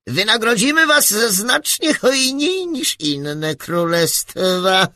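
A man voicing a tiny fanged creature ruler who speaks through a megaphone in a squeaky, gloating voice of grand threats. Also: pushed and bright, no room sound, exaggerated voice. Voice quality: squeaky, piping little voice.

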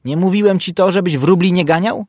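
A man's voice: mid-range voice, lively intonation, normal speed, breathy edge, dry recording, studio quality. A man voicing a stern, fussy grown-up dog. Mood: scolding. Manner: scolding, self-important.

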